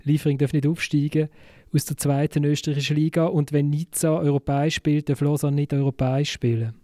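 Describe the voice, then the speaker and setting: A man with a Swiss German accent talks casually in a panel discussion. His voice sits slightly high and is mellow, recorded very dry, and he feels his way haltingly through his questions. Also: fairly even intonation, no room sound. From Switzerland, Basel. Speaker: football talk show panellist posing questions.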